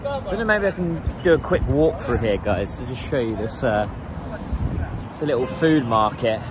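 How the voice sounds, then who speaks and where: A man's voice: medium pitch, lively intonation, moderate pace. An English man in his thirties chatting casually as he walks through a market, filming on a phone at arm's length. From England. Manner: chatty, rambling, laughs often. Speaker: vlogger. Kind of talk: casual walking vlog. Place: busy indoor food market. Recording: noisy crowded market ambience. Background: crowd chatter and market noise.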